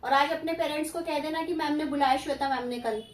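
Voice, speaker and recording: A woman's voice: high voice, fairly even intonation, quick pace, reverberant, recorded from a distance. A woman tuition teacher dictating spelling to children, stern yet coaxing, stretching out syllables as she dictates.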